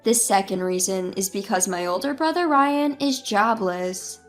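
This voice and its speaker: A woman in her twenties telling her own story as scripted first-person narration in an even, measured way. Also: medium pitch. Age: 20s. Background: faint music.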